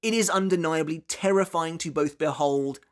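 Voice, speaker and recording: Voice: medium pitch, moderate pace. A narrator reading scripted top ten countdown commentary in a dramatic, emphatic way, drawing out key words. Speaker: narrator of a ranked countdown video.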